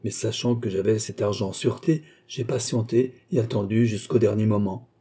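A man's voice: on the low side, steady tone, warm tone, husky. Cagliostro, as read by a man: icy count. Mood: cool. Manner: cool, measured, polite but unyielding. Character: icy, composed male count and sorcerer-creditor.

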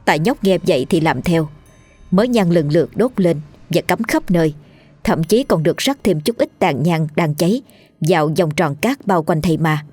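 A woman with a Southern Vietnamese accent narrating a ghost story in a lively, colloquial storytelling manner. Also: fairly low pitch, moderate pace, no room sound, faint music behind.

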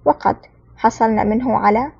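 A woman voicing an anxious, ambitious male officer who gets flustered and shouts, in a storybook reading. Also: a little high, normal speed, vocal fry, breathy edge, no room sound, highs cut off, exaggerated voice. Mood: nervous.

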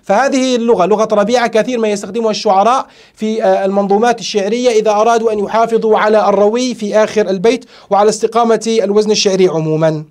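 A sheikh explains grammar and verse in a lecture, his voice notably high for a man. He talks quickly, then slows to stretch out and repeat the key phrases he wants to stress. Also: fairly even intonation, a little mellow. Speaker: sheikh teaching a classical poem.

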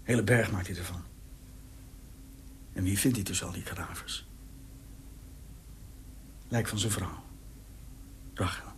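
A man's voice: sits low, unhurried, pauses often, slight background noise. An actor in a radio drama playing a secretive, agitated man hiding at home, swinging between mockery and frantic whispers. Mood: scornful. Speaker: lead character.

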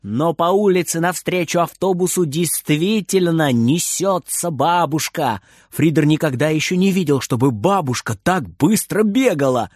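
A man reading a children's story aloud in an expressive narrating voice. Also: on the high side, normal speed, dry recording, clean studio sound.

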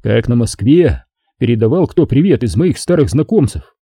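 A tender, slightly awkward grown man, as a narrator plays him speaks in fatherly, teasing banter. His voice is dark and husky, with a lively pitch. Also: normal speed, dry recording, studio quality. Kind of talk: audiobook reading.

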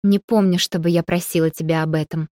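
A woman's voice: on the low side, steady tone, a little fast, dry recording, studio quality, lightly acted. A woman reading an audiobook, voicing a cool, imperious young noblewoman who talks curtly and sharply. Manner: curt and sharp-tongued.

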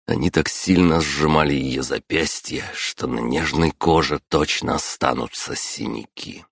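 A man reading a first-person fantasy audiobook in a grave, measured storytelling manner. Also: a bass voice, gravelly, fairly bright tone, no room sound, studio quality. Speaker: audiobook narrator.

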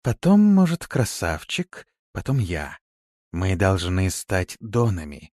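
A man's voice: sits low, wildly swooping pitch, slow, a little mellow, dry recording, heavily acted. A man voicing a cunning, seductive female colonist who moves between sweet servility and dry command.

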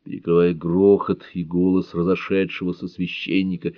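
A man narrating an audiobook thriller in a steady, measured reading style. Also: low voice, dry recording, muffled recording.

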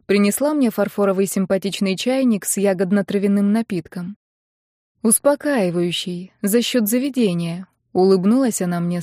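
Brief: female audiobook narrator, first-person novel, mid-pitched, dry close recording. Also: dark tone, no echo.

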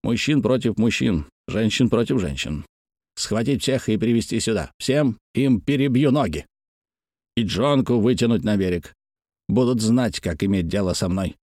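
A man's voice: fairly low pitch, animated, normal speed, a little mellow, no room sound, studio quality. A man voicing a domineering, arrogant landowner who threatens and gives orders. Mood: commanding. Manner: blustering, threatening.

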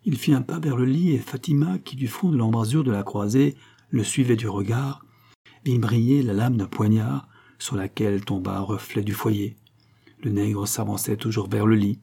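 A man narrates an audiobook in a measured, dramatic storytelling style. His voice is low and dark with a husky grain. The telling is steady and deliberate.

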